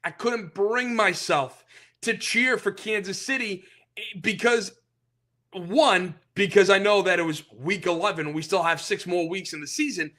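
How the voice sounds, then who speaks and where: A man hosting a sports podcast, ranting as an opinionated fan in a casual, animated way. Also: high-pitched, a little slow.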